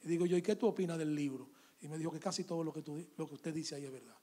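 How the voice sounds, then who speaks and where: A man with a Dominican Spanish accent, speaking in a fairly high voice. He tells a story in an interview and acts out the conversation he had. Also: racing, slightly rough. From Dominican Republic. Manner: animated anecdote, acts out dialogue. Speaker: author.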